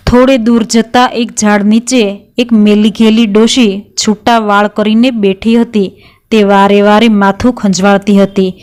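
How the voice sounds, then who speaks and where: A woman narrating a devotional folk tale in a steady, even storytelling manner. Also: medium pitch, clear, resonant tone.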